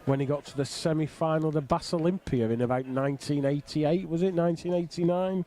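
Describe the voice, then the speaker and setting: A middle-aged man commentates casually on bowls in a fairly high, soft-edged voice. He is bantering and jokey, chatting along between calls of the play. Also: fairly quick. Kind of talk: casual live sports commentary. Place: outdoors on a flat roof in the rain.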